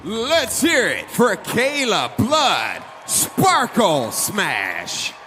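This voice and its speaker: A man's voice: sits high, wildly swooping pitch, extremely slow, noisy background. Swooping hype stadium announcer man. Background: stadium music and cheering crowd.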